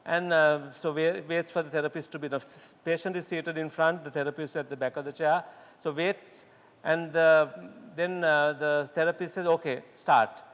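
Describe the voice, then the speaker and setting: A man giving a lively workshop talk to doctors, acting out quotes and laughing often. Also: on the high side, moderate pace. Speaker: speaker at a medical congress workshop. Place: lecture hall. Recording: echoey hall with long reverb.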